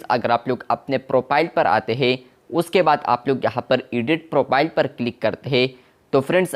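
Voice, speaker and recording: A man presenting a tech tutorial, explaining app settings step by step and often addressing viewers as friends. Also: mid-range voice. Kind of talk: screen-recorded tech tutorial.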